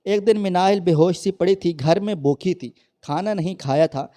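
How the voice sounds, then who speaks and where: A man's voice: sits high, moderate pace, warm tone. A man narrating a sad moral story with emotive, mournful delivery.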